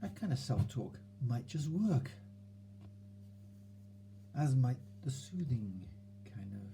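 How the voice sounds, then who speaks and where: A man giving casual self-help advice, moving between soft murmurs and lively emphasis. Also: medium pitch, slow, faint music behind, low-quality recording. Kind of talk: casual instructional talk.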